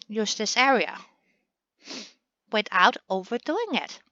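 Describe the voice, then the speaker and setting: A woman's voice: mid-range voice, very animated, slow, pushed and bright, no room sound, dull audio. A woman hosting a gaming channel, chatting through a building session in a playful way and talking to the game pieces as she works.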